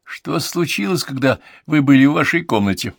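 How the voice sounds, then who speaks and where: A man voicing a measured, ironic gentleman. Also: fairly high pitch, lively intonation, vocal fry, no room sound, studio quality, pitched above the performer's own voice.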